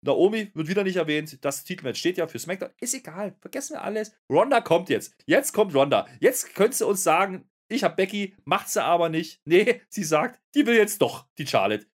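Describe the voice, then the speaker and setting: Fast, lively German man ranting. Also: high voice. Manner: exasperated, sarcastic ranting. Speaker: podcast co-host. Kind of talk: casual wrestling recap chat.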